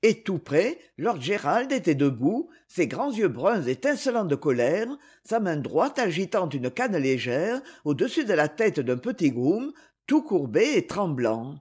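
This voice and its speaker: Woman audiobook narrator, measured reading, lively intonation. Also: lowish voice, husky. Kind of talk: scripted narration.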